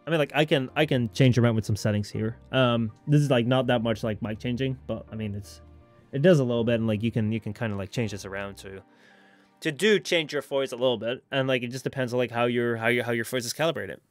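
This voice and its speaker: A man's voice: medium pitch, fast talker, soft background music. A man live streaming in a casual, rambling, informal chat with his viewers.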